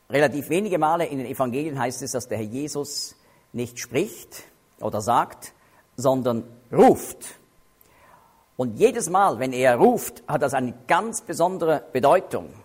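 Preaching from Bible passages, this man speaks in a husky voice that sits on the high side. His delivery is emphatic and expressive, with changes in speed and volume driving home each point.

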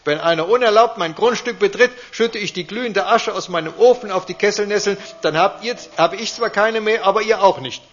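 A stubborn old hermit growls his lines in a gravelly voice, as a man reading a fairy tale puts him on. He sounds gruff and unbending, a little higher than a plain reading voice. The recording is dull. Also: moderate pace, close to an everyday voice. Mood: angry.

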